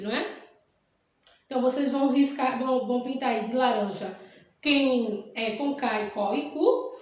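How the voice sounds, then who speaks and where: A woman's voice: high-pitched, darkish tone. A woman teacher with a Brazilian Portuguese accent who patiently explains exercises to young pupils, often checking in with them. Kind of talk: remote classroom lesson, explaining exercises. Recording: very echoey room.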